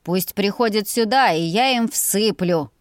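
A proud, stubborn young dragon suitor, read by a woman, boasting and refusing to back down in a storybook. The voice stays at an ordinary middle pitch and sounds dry and close. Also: a little slow, dry recording, natural voice.

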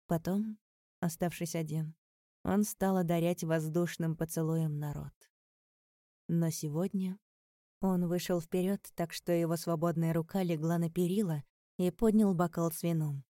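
A woman reading a first-person audiobook in a measured, calm, steady way. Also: fairly low pitch, no echo, clean studio sound. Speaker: audiobook narrator.

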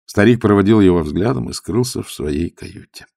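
A man narrating an audiobook in an expressive storytelling manner. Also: lowish voice, moderate pace, creaky, no room sound, clean studio sound.

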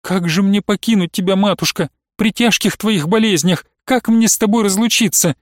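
A man's voice: high voice, a little fast, no echo, clean studio sound, pitched above the performer's own voice, lightly acted. Brief: male reader doing a weeping young novice, pleading and devoted, raised voice, storybook reading. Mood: desperate crying. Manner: pleading, tearful outbursts.

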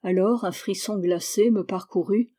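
A woman reading a novel aloud in a measured, descriptive narration. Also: mid-range voice, warm tone. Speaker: audiobook reader. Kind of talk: literary narration.

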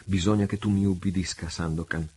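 A man's voice: deep voice, fairly even intonation, brisk, darkish tone, breathy edge. A man voicing a frightened young noblewoman who urgently begs her lover to flee. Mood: imploring. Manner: urgent, imploring. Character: pleading young noblewoman in love.

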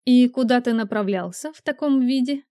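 A woman's voice: mid-range voice, moderate pace, dark tone, dry recording, clean studio sound, lightly acted. A woman reading an audiobook, voicing a playful, teasing young woman who purrs her lines in a raised, coy voice. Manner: purring, coy. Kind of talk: audiobook character voice.

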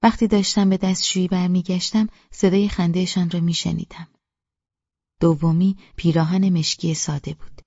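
A woman's voice: on the low side, level tone, warm tone, husky, dry recording, dull audio. A woman narrating a first-person audiobook with a wry, self-deprecating storytelling manner.

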